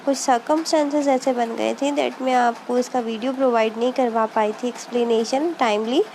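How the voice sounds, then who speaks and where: A woman teacher giving a recorded English lesson to schoolchildren, explaining slowly, mixing Hindi with English terms and repeating words for pronunciation practice. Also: a little high, fairly even intonation, a little mellow, a little hiss or hum.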